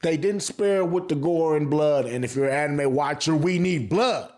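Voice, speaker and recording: A man with a fairly high, slightly mellow voice talks at a moderate pace. He runs an anime review vlog, and his take is casual and opinionated, packed with emphatic slang, regular cursing, and phrases he keeps repeating.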